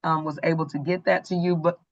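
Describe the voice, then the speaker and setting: A woman's voice: low-pitched, fairly even intonation, fast, muffled recording, slight background noise. A woman on a school staff addressing parents in an online meeting. She speaks in a plain, organized way with frequent ums and restarts, through a computer mic on a video call.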